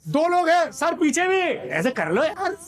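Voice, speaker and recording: A male sales trainer giving an energetic motivational seminar in a hall and drilling the audience to repeat his lines. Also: very high-pitched, measured pace.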